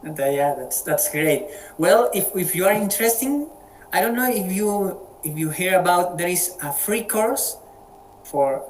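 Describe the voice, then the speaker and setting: Speaking in a high, expressive voice, a Colombian guy leads a relaxed English practice session over video call. He's warm and hesitant, his Spanish accent showing as he repeats words frequently. The audio is poor, with slight background noise.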